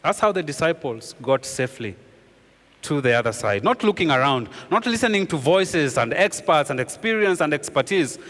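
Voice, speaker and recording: A man preaching a sermon as pastor, earnestly repeating key phrases and dropping his voice low for emphasis. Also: very animated, normal speed, fairly bright tone, long reverb tail.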